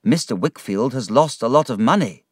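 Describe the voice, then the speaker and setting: A man's voice: medium pitch, animated, normal speed, slightly rough, no room sound, studio quality, pitched above the performer's own voice. A man voicing an earnest young male friend explaining news in a storybook reading.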